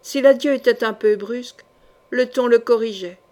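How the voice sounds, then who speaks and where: Brief : narratrice femme, lecture mesurée et expressive, timbre assez haut. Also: female voice, a little high, moderate pace. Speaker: audiobook narrator. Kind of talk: scripted narration of a historical novel.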